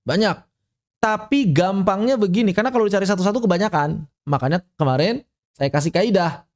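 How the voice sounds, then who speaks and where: A man with a fairly high voice gives an online tajwid lesson. He explains each rule patiently and goes over it again, then recites Arabic examples to show it. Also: a little fast, darkish tone. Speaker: Quran recitation teacher. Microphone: online class audio.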